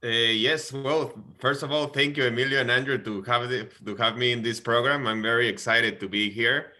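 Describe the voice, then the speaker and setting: A man's voice: mid-range voice, fairly even intonation, normal speed, sharp tone. A man in his twenties from Guatemala with a Guatemalan Spanish accent, earnestly telling his story as a podcast guest and often repeating words as he searches for phrasing. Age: 20s. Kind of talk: casual podcast interview.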